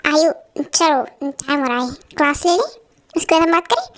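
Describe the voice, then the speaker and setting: Woman voicing a bossy male professor, very high voice, lively swings, fan-dub drama. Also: normal speed. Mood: calm. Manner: bossy, then coaxing. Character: strict, teasing male college professor. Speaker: voice dubber.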